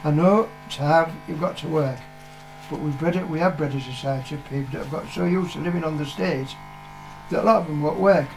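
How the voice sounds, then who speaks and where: A creaky, high-side voice belongs to an older man from the United Kingdom, the father of the vlogger, who talks a little fast. He chats casually, airing blunt, plain-spoken opinions, cursing and repeating himself for emphasis. Music plays in the background and the audio is poor.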